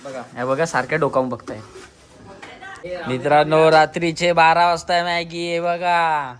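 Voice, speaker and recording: Against background music and crowd chatter, a man narrates a handheld vlog of his family's nighttime outdoor trip, chatty and always showing his viewers things. He speaks unhurriedly, his fairly high voice showing little pitch movement.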